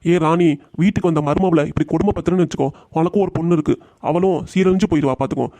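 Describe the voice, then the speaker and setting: திருநெல்வேலி வட்டார வழக்கில், மனைவியைக் கடுமையாகத் திட்டும் வயதான தாத்தாவாக ஒரு ஆண் குரல் கொடுக்கும் cartoon. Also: male voice, a little high, racing, warm tone, close to an everyday voice. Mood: bitter. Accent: Tirunelveli Tamil. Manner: gruff, scolding. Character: blunt older grandfather scolding his wife.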